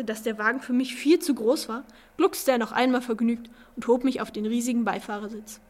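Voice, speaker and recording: Woman storyteller, calm, measured storybook reading, fairly high voice.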